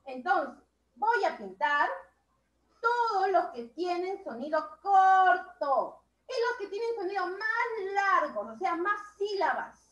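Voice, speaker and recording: A woman's voice: extremely high pitch, big pitch swings, roomy sound, muffled recording. A woman teacher giving an online class to young children, drawing out her words and praising each child. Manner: slow, drawn-out words, warmly praising children. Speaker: primary school teacher.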